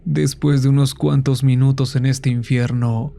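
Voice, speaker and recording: A man narrating a horror story in a slow, somber storytelling manner. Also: medium pitch, level tone, gravelly, dark tone, a little hiss or hum.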